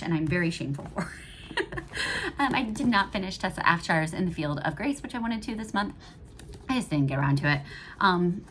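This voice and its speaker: A woman's voice: lowish voice, slight background noise. A woman giving a casual monthly reading wrap-up as a book reviewer, rambling and chatty, with many fillers and self-corrections.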